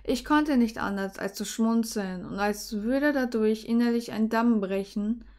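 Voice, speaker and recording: A woman's voice: on the high side, unhurried, a little mellow. A young woman reading her own fan fiction in first person, earnest, with small slips and self-corrections.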